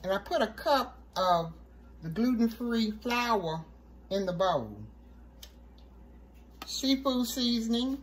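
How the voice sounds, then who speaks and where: A woman's voice: fairly high pitch, slow pace, pauses often, a little hiss or hum, low-quality recording. Woman talking through a home recipe. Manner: relaxed, step-by-step, chatty asides. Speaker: cooking show host. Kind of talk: casual cooking demonstration.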